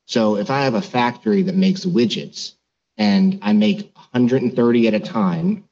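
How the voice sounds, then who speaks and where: A man's voice: lowish voice, expressive, normal speed, dark tone, dull audio. A man judging from the bench, pressing a lawyer with hypothetical examples and restarting his words. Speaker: appellate judge. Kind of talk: questioning counsel in oral argument. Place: courtroom.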